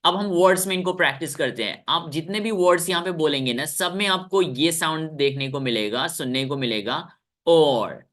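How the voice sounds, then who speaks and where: Bright-voiced Indian man teaching English. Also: on the high side. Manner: drills words slowly, repeating each three times; stern with students. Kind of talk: online class lesson. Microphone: video call.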